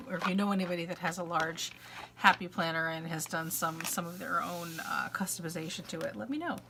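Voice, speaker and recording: A middle-aged crafter vlogs from indoors at home in a long, rambling, casual chat, sounding congested and fighting a dry cough, with many uhs and restarts. Her voice is fairly low-pitched yet pushed and bright, with slight background noise.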